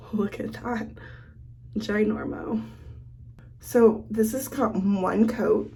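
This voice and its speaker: In a very slow, steady, medium-pitched voice that's creaky and dark, a sick woman vlogger whose voice is going chats through her makeup routine. It's a casual get-ready-with-me, with her thinking aloud as she applies things.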